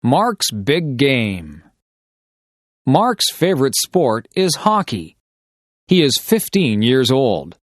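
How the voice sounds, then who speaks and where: A man reading short, simple sentences as dictation for English learners, enunciating each one carefully and deliberately. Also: medium pitch, wildly swooping pitch, no room sound.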